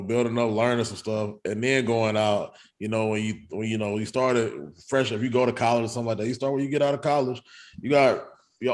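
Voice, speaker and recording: A man hosting a podcast, talking in a relaxed, conversational way and often saying "you know". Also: mid-range voice. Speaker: podcast host.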